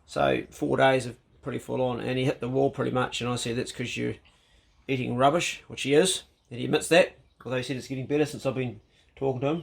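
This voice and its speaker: A man's voice: medium pitch, steady tone, fast talker, vocal fry. A man with a broad New Zealand accent, chatting casually to camera as a vlog host in a laid-back, slangy, blokey way.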